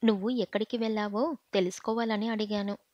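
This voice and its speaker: A woman's voice: mid-range voice, fairly even intonation, brisk, darkish tone, dry recording, natural voice. A woman voicing a stern but caring young husband who talks insistently and pleads at times. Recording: slightly muffled audio.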